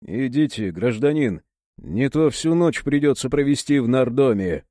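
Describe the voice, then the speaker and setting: A man voicing a calm, composed male plainclothes officer who speaks in a flat official tone. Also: medium pitch, measured pace, no room sound, studio quality, natural voice. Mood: cool.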